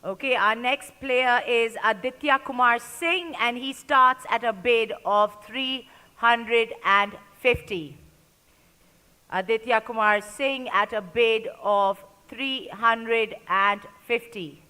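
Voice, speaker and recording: A woman's voice: fairly high pitch, slow, bright, forceful tone, smooth. A woman working as an auctioneer at a live event, calling out and repeating bids in short, clipped phrases. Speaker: auctioneer at a sports player auction. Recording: echoey large hall with long reverb.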